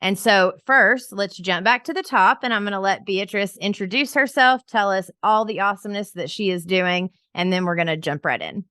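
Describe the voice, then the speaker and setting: A woman's voice: mid-range voice, moderate pace, few pauses, bright, forceful tone, clear, resonant tone, dry recording, studio quality. A woman co-hosting a podcast for professional organizers, talking in an upbeat, chatty way with many filler words. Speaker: podcast co-host. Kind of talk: casual podcast chat.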